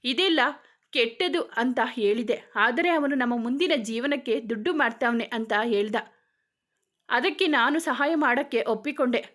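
A woman's voice: fairly high pitch, measured pace, fairly bright tone. A woman voicing a naive young village woman making a pleading, tearful confession. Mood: confessing.

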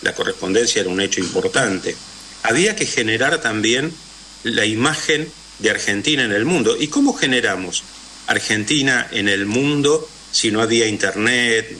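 A man with a Rioplatense accent speaks as a guest on a radio interview. His voice sits low, with a forceful, bright edge. He tells history as a running story and often pauses on "eh" and "este". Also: slight background noise. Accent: Rioplatense Spanish. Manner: storytelling, with frequent "eh" and "este" fillers.

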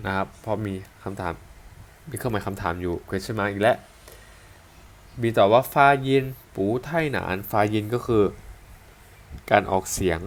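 Male teacher, Thai accent, lower pitch; patient, repetitive classroom explaining. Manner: patient, repeats and spells out example sentences. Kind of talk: online language lesson.

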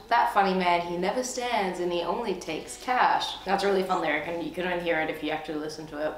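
A woman in her twenties, hungover, chatting casually and playfully in slang with bursts of exclamation while she eats on camera. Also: on the low side. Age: 20s. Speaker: singer-songwriter discussing own song. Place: indoor studio set with backdrop. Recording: echoey room, music behind.

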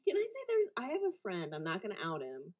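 A woman co-hosting a podcast, chatting casually and reacting excitably. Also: medium pitch, fast talker, husky. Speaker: podcast co-host.

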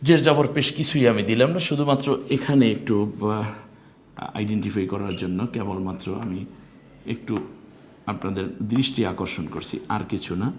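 A middle-aged man with a lowish voice teaches an online Quran class, explaining pronunciation and repeating letter sounds slowly and emphatically. A little hiss or hum is audible.

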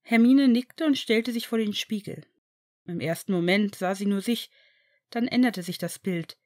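A woman narrating a story at an even, steady pace. Her audiobook reading stays plain and level throughout. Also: medium pitch, moderate pace. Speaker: fan fiction reader.

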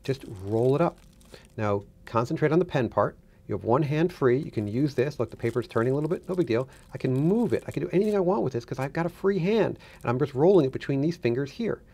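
A man's voice: mid-range voice, lively intonation, fast talker, gravelly, dark tone, husky. A middle-aged man giving a casual hands-on tutorial, instructing step by step and repeating himself for emphasis. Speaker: demonstrator, guest.

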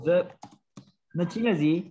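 A woman's voice: on the low side, slow, noisy background. A woman with a Vietnamese accent teaching an English lesson, explaining step by step and often checking with her students. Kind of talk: classroom lesson.

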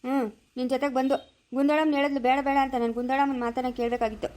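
A woman with a Chikkaballapur Kannada accent, acting in a dramatized village family skit, speaking in a sharp, scolding, dismissive way. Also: high voice, level tone, racing.

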